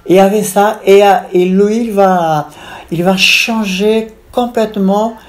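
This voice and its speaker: A woman's voice: medium pitch, steady tone, slow pace. A woman in her sixties from Brazil, an author answering interview questions in a digressive way, piling up lists and restarting her sentences. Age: 60s. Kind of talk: conversational interview.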